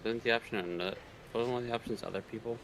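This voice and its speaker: A male co-host of a visual novel readthrough livestream trades casual banter and reads game text aloud. His mid-range, fairly bright voice moves fast, and the poor audio has game music playing behind him.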